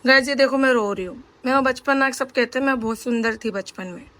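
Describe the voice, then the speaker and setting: Young female vlogger with a high voice, talkative and rambling, speaks straight to camera. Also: fairly quick, sharp tone. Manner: chatty and rambling, addresses viewers directly. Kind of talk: casual vlog chat.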